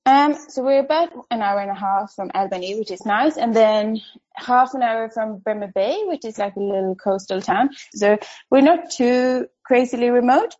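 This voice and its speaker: A woman's voice: mid-range voice, darkish tone, muffled recording. A woman from Sweden, chatting casually as a podcast guest, laughing often and saying um a lot. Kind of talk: casual interview chat.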